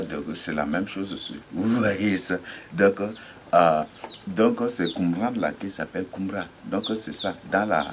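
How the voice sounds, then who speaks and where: Deep-voiced man teaching the Bible. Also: a little hiss or hum. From Chad. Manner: repetitive, halting, spells words letter by letter. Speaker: religious teacher.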